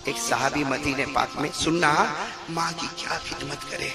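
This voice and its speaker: Give me a high-pitched male preacher telling a story to his congregation, with music in the background. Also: steady tone. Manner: storytelling, calls on the audience to answer. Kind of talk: sermon.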